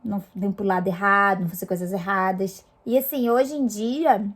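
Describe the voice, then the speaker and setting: A woman's voice: mid-range voice, steady tone, a little fast, fairly bright tone. A young woman from Brazil casually telling a personal story to her viewers, chatty and full of fillers. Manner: chatty, many fillers and restarts. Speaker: vlogger.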